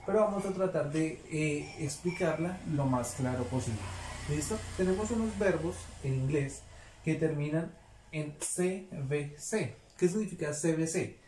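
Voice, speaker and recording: A man's voice: a little high, measured pace, darkish tone. Patient male teacher in an echoey room. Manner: patient, repeats "¿listo?" to check understanding. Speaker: English teacher. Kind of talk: grammar lesson explained in Spanish. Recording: echoey room with faint noise.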